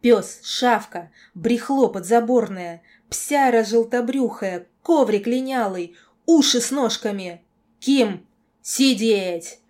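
A woman voicing a furious young woman in an audiobook, screaming insults in a hoarse, raw voice. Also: mid-range voice, moderate pace, warm tone, close to an everyday voice. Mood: enraged. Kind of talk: audiobook character voice.

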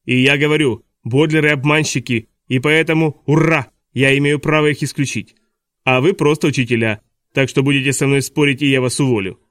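A man's voice: medium pitch, fairly even intonation, fairly quick, fairly bright tone, no echo, studio quality, natural voice. A man voicing a petty, tyrannical vice principal who is bossy and smug and snaps at everyone, in an audiobook. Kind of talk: audiobook dialogue reading.

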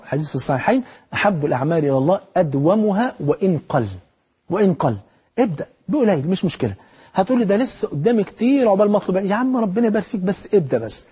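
A man with an Egyptian Arabic accent giving a lively colloquial sermon, exhorting the listener directly. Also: high voice, breathy edge. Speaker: preacher.

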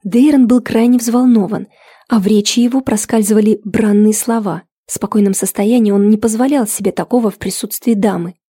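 A woman narrating a fantasy audiobook in the first person, with a wry, lively way of telling it. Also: medium pitch, brisk, husky.

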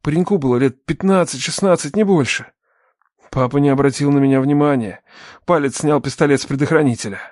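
A young man in his twenties reading a tense first-person story in a measured voice. His voice sits a little high for a man. The recording is dry and close. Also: a little mellow, no echo. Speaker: narrator. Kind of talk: first-person audiobook narration.

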